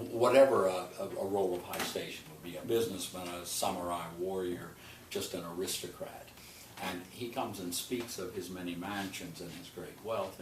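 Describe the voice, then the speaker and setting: Deep-voiced opera director, storytelling with feeling, echoey room, mic far off, noisy. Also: male voice. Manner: expressive storytelling, slowing on key images. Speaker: opera general and artistic director. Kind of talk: explaining an opera plot in an interview.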